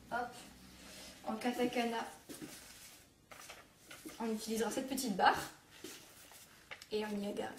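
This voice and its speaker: A young woman from France explains things in a casual home-made lesson, pausing on fillers and fixing her own slips. Her voice sits a little high. She is recorded from some distance in an echoey room with a faint hiss behind her. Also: darkish tone. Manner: hesitant, many fillers and self-corrections. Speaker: online Japanese teacher.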